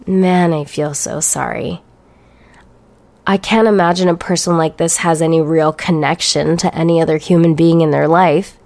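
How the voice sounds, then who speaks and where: A woman's voice: low-pitched, fairly even intonation, normal speed, vocal fry, darkish tone. A woman hosting a solo podcast, talking in a blunt, profane, ranting and sarcastic way. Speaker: podcast host.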